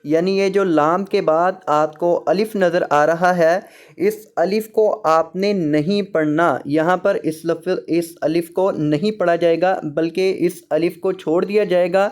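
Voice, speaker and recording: Smooth-voiced man teaching recitation slowly. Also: sits high, steady tone. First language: Urdu. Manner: slow, drawn-out letter-by-letter spelling. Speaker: Quran teacher. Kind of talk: Quran recitation lesson.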